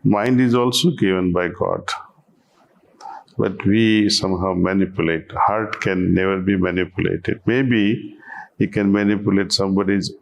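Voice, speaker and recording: A man speaking as a spiritual teacher in a calm, reflective conversation, talking in a slow, measured way. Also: sits low, vocal fry.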